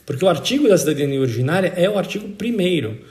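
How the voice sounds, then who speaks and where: In a roomy, echoing recording, a Brazilian-accented citizenship expert answers interview questions, explaining legal matters didactically and emphatically while repeating key points. His high voice races along, very animated, with a darkish tone.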